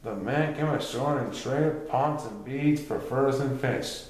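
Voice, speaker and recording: In a very echoey room, a male narrator reads out a written history story, sometimes stumbling on words. He speaks a little slowly in a mid-range voice with a darkish tone.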